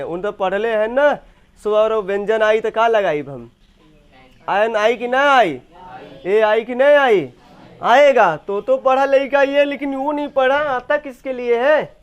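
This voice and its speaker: A young man teaching an English grammar class, quizzing students and repeating sentences slowly. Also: sits high, smooth. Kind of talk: classroom lesson.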